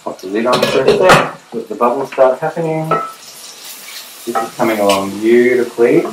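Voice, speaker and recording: A man's voice: mid-range voice, animated, normal speed, very noisy. A middle-aged man hosting a casual cooking demonstration in his home kitchen, chatting through tips as he works. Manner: chatty, gives tips while working at the stove. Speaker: cooking show host. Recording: echoey kitchen with pot and cutlery clatter. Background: cutlery and pan clatter.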